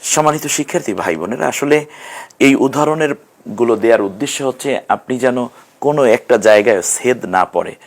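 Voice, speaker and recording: A man teaching a Quran reading lesson, breaking words into syllables and repeating each sound slowly. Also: mid-range voice, lively intonation. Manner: slow, syllable-by-syllable pronunciation drills. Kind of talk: televised recitation lesson.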